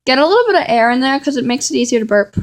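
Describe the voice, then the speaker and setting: A woman's voice: high voice, animated, rapid-fire. A female speaker chatting casually in a giggly, teasing way. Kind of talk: casual chat.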